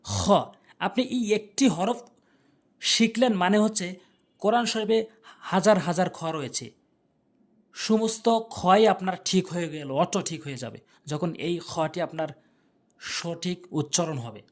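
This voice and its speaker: A teacher giving a slow, step-by-step pronunciation lesson, repeating each letter sound several times and explaining it in simple terms. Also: medium pitch. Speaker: Quran recitation teacher.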